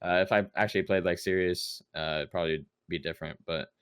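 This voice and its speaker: A man's voice: low voice, steady tone, fast talker, a bit bright, clean tone, no room sound. A young man in casual chat on a gaming podcast, rambling with lots of fillers and restarts. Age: young adult. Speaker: podcast co-host.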